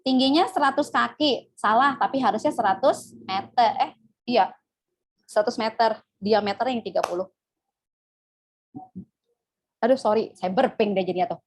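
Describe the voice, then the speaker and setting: A young woman teaches English in a casual live online lesson. Her voice sits slightly high. She chats with her viewers as she goes and corrects herself on the fly. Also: normal speed, pauses often. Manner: chatty, addresses viewers as guys, self-correcting.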